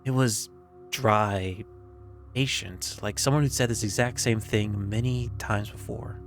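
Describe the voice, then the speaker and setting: Brief: male horror narrator, lowish voice, creeping suspenseful pacing with pauses, faint music underneath. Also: fairly even intonation. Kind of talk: scripted first-person horror narration.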